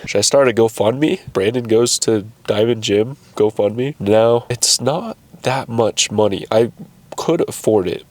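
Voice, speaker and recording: A man's voice: medium pitch, a little mellow. A young man vlogging to camera in a rambling, self-deprecating way, asking the viewer questions. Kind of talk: casual vlog talk to camera.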